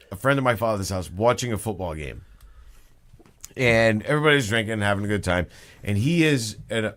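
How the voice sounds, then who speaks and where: A man co-hosting a podcast, telling stories in casual chat and laughing often. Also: on the low side. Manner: animated storyteller, laughs often. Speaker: podcast co-host.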